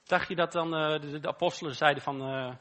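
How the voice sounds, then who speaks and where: A man's voice: on the high side, fairly even intonation, fairly quick, fairly bright tone. A man giving an informal, conversational sermon, repeating phrases and asking rhetorical questions. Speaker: preacher.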